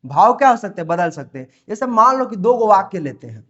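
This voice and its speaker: A man teaches grammar to students. He explains patiently, repeating each point and drawing out his example sentences slowly word by word. The recording is dull and lo-fi. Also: sits high, big pitch swings, a bit bright. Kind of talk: classroom lesson explanation.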